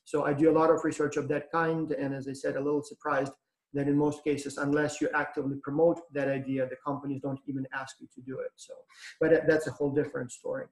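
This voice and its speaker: A man in his thirties from Ukraine with a Ukrainian accent, giving a lecture to students over a webcam, relaxed and explanatory with frequent ums and uhs. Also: fairly high pitch, fast, reverberant, low-quality recording. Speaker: professor. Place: room with brick wall and whiteboard. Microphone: webcam on video call.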